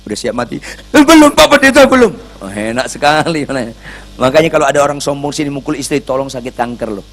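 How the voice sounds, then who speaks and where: A man's voice: medium pitch, fast. A male pastor preaching a sermon in a blunt, scolding, slangy manner, acting out the people in his stories.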